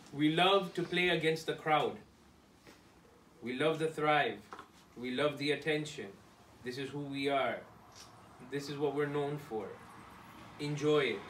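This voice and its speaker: A man with a slightly high, fairly bright voice gives an emphatic motivational team talk as a leader, repeating short phrases. He's in an echoey indoor locker room, and the recording is roomy, with a distant mic and background noise.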